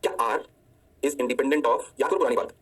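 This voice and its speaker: एक पुरुष भौतिकी शिक्षक, हिंदी लहजे में, खेल-खेल में खुद ही छात्र बनकर जवाब देता हुआ जोशीला लेक्चर देता है।. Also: male voice, mid-range voice, moderate pace, a bit bright, breathy edge, far from the mic. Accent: Hindi. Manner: playful, answers himself in a student's voice. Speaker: physics teacher. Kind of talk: energetic lecture.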